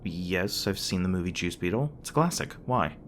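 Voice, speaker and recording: He's playing a young demon boyfriend who is flustered and tender, and secretly born human, in an intimate ASMR roleplay. His deep, expressive voice moves at normal speed as he stammers and hesitates, bashful and a bit defensive, in a teasing, relieved mood. There's slight background noise.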